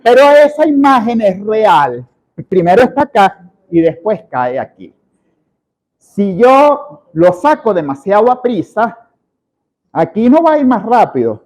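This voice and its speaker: A man lectures a public speaking class in an animated, expressive style. His voice sits high for a man, and he pushes the volume up and down to stress his points. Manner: animated, imitates filler words, shifts volume for emphasis. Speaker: professor teaching public speaking.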